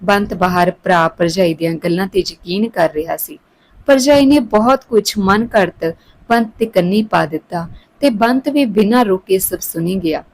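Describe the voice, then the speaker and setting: A woman narrating a family story in a steady, even reading voice. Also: mid-range voice, normal speed, low-quality recording.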